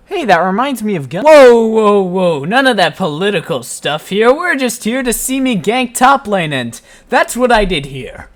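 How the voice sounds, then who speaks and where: High-voiced joking gameplay commentator. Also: male voice. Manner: playful, self-mocking, deadpan jokes. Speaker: gaming channel host.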